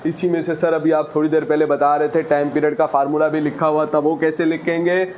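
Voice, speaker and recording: A man's voice: on the high side, level tone, a little fast, a little mellow, slight background noise. A man teaching a physics lesson, who keeps asking his students questions and answering them himself. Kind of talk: classroom lecture.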